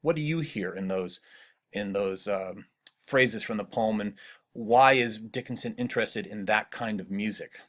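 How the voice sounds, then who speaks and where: A middle-aged man teaching literature in a recorded lecture, asking students questions and slowing down to read poem lines aloud. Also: lowish voice, fairly bright tone.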